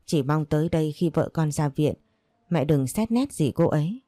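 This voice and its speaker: A gentle grown son, as a woman narrator reads him pleads softly with his mother. His voice stays low and warm. The recording is dry and close. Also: expressive, moderate pace, no room sound. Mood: pleading. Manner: soft, pleading.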